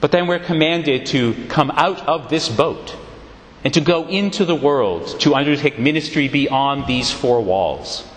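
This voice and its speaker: A man's voice: on the high side, a little hiss or hum. Preacher man in an echoey church. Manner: expressive, measured storytelling delivery. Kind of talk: sermon.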